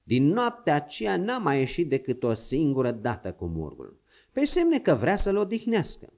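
A man doing a high, eager young servant. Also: huge pitch swings, a little mellow.

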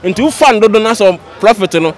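A man's voice: sits high, animated, quick pace, a faint crowd. A young man with a Ghanaian accent answering emphatically in a street interview, outdoors by a road on a handheld microphone. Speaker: market trader being interviewed. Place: outdoors at a busy roadside at night. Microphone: handheld reporter microphone held to his masked mouth.

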